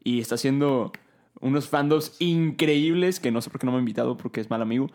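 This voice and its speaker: A man's voice: mid-range voice, fairly quick, a little mellow. Playful young Mexican man co-hosting. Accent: Mexican Spanish. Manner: playful, joking, speeds up on asides. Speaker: podcast co-host and fan dubber. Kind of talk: casual chat.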